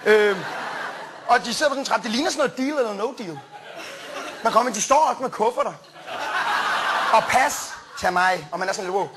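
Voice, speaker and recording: A young male stand-up comic with a high voice, rambling through a story on a live stage. He stumbles over fillers and restarts before jumping into quoted voices, and clear room noise carries behind him. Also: animated, long pauses, a bit bright, a faint crowd. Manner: rambling and self-interrupting, many fillers, jumps into quoted voices. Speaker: stand-up comedian.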